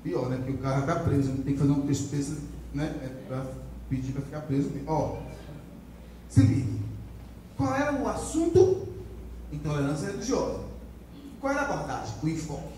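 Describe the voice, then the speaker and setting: A man's voice: a little high, expressive, normal speed, pauses often, warm tone, a little hiss or hum. A Brazilian man teaching a writing class, drilling the students with repetition and call-and-response. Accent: Brazilian Portuguese. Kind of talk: classroom lecture. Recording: echoey classroom from far off.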